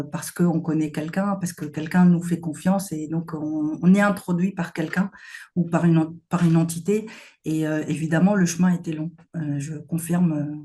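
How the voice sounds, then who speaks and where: Hesitant woman founder, mellow tone. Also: deep voice. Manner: hesitant, many fillers, earnest. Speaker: company founder, guest. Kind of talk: interview answers.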